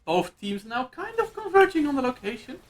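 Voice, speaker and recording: A man doing live esports commentary, excitable play-by-play with jokey asides. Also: very high-pitched, brisk. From Netherlands.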